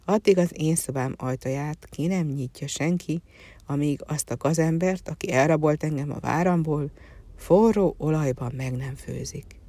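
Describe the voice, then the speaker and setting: A storyteller voicing a stubborn princess who shouts her demand through a locked door in a folk tale. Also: mid-range voice, no echo, lightly acted. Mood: vengeful.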